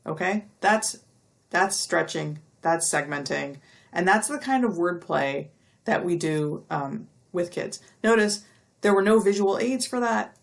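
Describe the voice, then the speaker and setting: A middle-aged woman giving a recorded lecture, explaining step by step and stretching out speech sounds slowly to demonstrate them. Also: on the low side, animated, creaky. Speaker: university lecturer.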